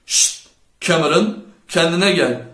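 A man's voice: fairly high pitch, moderate pace, pitched above the performer's own voice, close to an everyday voice. A bold, charismatic schoolboy ringleader who talks with playful confidence and orders his friends around, as a male audiobook reader puts him on. The voice sits a little above the reader's own. A roomy echo surrounds it. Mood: cocky. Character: bold charismatic teenage boy leader. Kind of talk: audiobook character voice.

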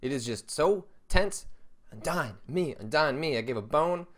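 A man's voice: on the high side, expressive, unhurried, fairly bright tone. A young man casually commenting on a video game, playful and chatty, joking and singing along. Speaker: let's play host. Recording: game music behind.

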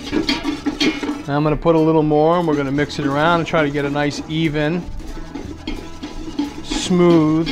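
Hosting dinner guests, a middle-aged Massachusetts man gives a casual cooking demonstration, chatting through each step and laughing at himself. He sounds high for a man, his delivery flat and a little slow, with frequent pauses. Clear music runs underneath him throughout.

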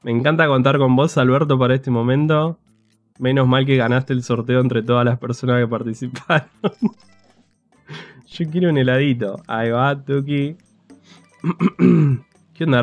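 A man's voice: mid-range voice, no room sound. A man with a Rioplatense Spanish accent, commentating a game on a live stream in a chatty, joking way, talking to his chat. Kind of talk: casual livestream gameplay commentary.

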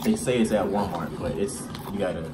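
A man's voice: deep voice, brisk, background noise. A young man in his twenties chatting casually, blunt and slangy, co-hosting a snack review with friends in a room. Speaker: co-host of a snack review video. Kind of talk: casual banter. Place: small indoor room.

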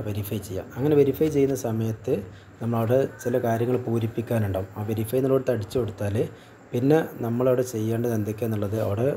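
A man's voice: fairly low pitch, dark tone, slight background noise. A man walking viewers step by step through an online task, often asking and then answering his own questions. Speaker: tutorial vlogger. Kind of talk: screen-recorded how-to walkthrough.

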